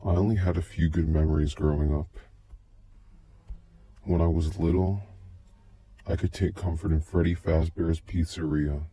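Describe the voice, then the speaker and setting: A man's voice run through a voice changer that drops it extremely deep, leaving it dark and muffled. He speaks in a slow, halting, brooding way and barely moves in pitch, like someone confessing onto a tape. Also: level tone, husky. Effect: deep pitch-shifting voice changer. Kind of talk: first-person scripted narration of a recorded tape.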